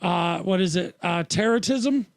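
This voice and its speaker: A man co-hosting a casual podcast chat, joking and rambling with quick laughs. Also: high voice, gravelly, no echo, clean studio sound. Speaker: podcast co-host.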